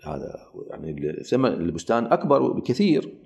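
A man's voice: mid-range voice, sing-song, a little fast, vocal fry, mellow. A man with an Iraqi Arabic accent, teaching a lecture that explains a legal text through everyday examples and rhetorical questions. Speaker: religious teacher.

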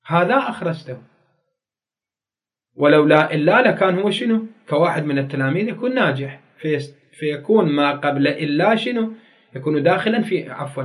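High, lively Iraqi-accented male teacher. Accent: Iraqi Arabic. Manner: explains by repeating key phrases, asks students questions. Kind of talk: grammar lecture to students.

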